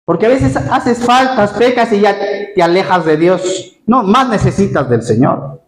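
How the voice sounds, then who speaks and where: A male pastor preaching a lively sermon, asking his congregation questions directly. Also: high-pitched, measured pace, a little hiss or hum. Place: church hall; Spain. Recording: echoey church hall.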